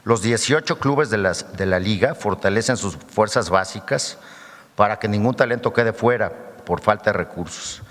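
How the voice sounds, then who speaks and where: Man, low voice, formal official presenting figures and slides at a podium; long hall reverb. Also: normal speed, a bit bright. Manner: reads figures steadily and calls for the next slide. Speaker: government official presenting at a press conference. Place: government press conference hall.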